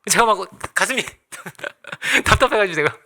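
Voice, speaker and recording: Lively, bright-voiced male pastor preaching. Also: high voice, unhurried. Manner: storytelling with acted-out quotes and frequent laughs. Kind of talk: sermon. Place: church sanctuary.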